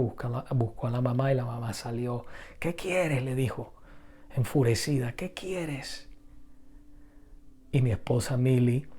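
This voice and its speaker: A middle-aged male pastor delivers a sermon with a mellow, warm tone and a mid-range pitch. He recounts a story earnestly, then presses his listeners with emphatic exhortation.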